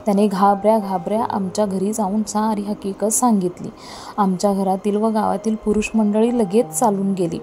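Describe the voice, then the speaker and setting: A woman reading an audiobook in a measured, expressive storytelling style. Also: mid-range voice, slight background noise. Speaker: audiobook reader. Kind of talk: storytelling narration. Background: soft music.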